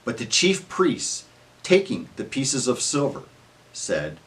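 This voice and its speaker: Expressive man reading scripture solemnly. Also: medium pitch, slow pace. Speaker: narrator of a church dramatic reading.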